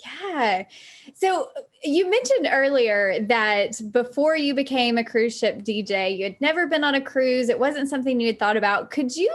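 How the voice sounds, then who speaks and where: Lady doing an interview, bit high voiced, polite n encouraging, chatty questions.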